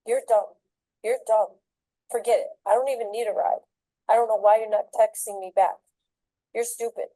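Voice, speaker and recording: A woman's voice: fairly high pitch, fairly even intonation, normal speed, pauses often, dark tone, dry recording, close to an everyday voice, rough recording. A woman voicing an upset teenage boy. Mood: angry. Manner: curt, accusing outbursts. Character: agitated teenage boy texting angrily.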